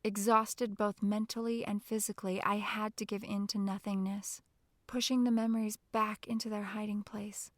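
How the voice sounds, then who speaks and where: A woman narrating an audiobook in the first person with a hushed, tense, intimate delivery. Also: mid-range voice, flat delivery, moderate pace, no room sound, studio quality.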